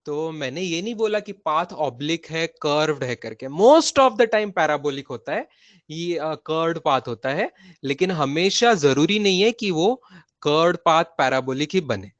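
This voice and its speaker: A male physics teacher with an Indian accent talks slowly and deliberately, his voice sitting a little high. He repeats his key points and keeps checking that his students follow. The sound is dry and close, with no room around it. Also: animated, dry recording. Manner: mixes Hindi and English. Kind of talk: online physics lesson.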